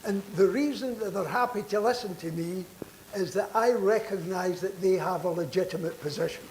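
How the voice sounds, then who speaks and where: On a panel in a conference hall, a seasoned older politician argues earnestly and persuasively, restarting and repeating words for emphasis. He speaks in a high-pitched, slightly mellow voice at a moderate pace, and the echoey room carries background noise.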